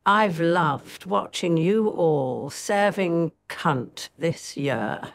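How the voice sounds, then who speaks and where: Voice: medium pitch, expressive, drawn-out words, no room sound, clean studio sound. A campy, sassy voice in drag-queen style, drawing out a holiday greeting.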